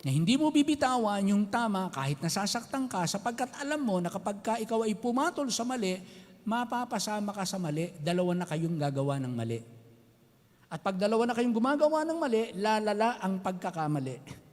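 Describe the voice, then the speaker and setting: A pastor in his later years, preaching a sermon in a lively, animated way, switching between languages. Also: high-pitched, fairly quick. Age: older. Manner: animated preaching, mixing Tagalog and English. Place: church sanctuary. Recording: long church hall reverb.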